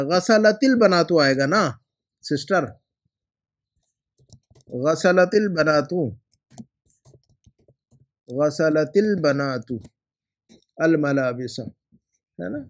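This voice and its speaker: A man teaches Arabic grammar, going through homework mistakes one by one. He repeats rules patiently and says example phrases slowly. His voice sits a little higher than usual. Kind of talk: correcting homework in a language lesson.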